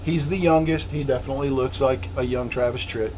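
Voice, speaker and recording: A man's voice: mid-range voice, fairly even intonation, fairly quick, darkish tone, a little hiss or hum, poor audio. A man with an American accent talking bluntly in a casual opinionated discussion, repeating phrases for emphasis. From USA: South Carolina, Texas and Michigan. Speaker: panelist on a discussion show.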